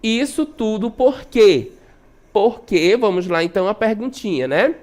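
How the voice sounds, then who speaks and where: Brazilian lady teacher, really animated pitch, keeps going né? tá bom?. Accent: Brazilian Portuguese. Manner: explanatory, constantly checks in with "né?" and "tá bom?"; stretches out syllables slowly to demonstrate stress. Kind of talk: recorded classroom lesson.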